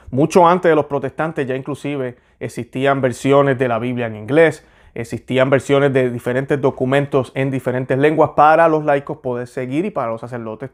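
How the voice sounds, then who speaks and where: Hesitant man explaining church history. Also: medium pitch. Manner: hesitant, self-correcting with many fillers. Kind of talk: casual teaching talk.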